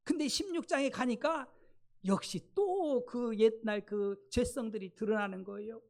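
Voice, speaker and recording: A pastor preaches in a relaxed, talking style, leaning hard on key words and slipping into the voices of the people in the story. The voice has a rough, creaky texture and sits at a middle pitch. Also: a little slow. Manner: conversational, emphatic preaching that acts out quoted speech. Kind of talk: sermon. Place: church sanctuary.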